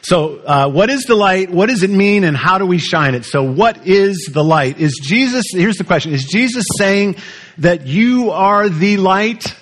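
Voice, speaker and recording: A man preaches to his congregation, his voice sitting a little high. He keeps it conversational, putting questions to the listeners as he goes. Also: animated, normal speed, hardly any pauses, a bit bright. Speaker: pastor. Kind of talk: sermon.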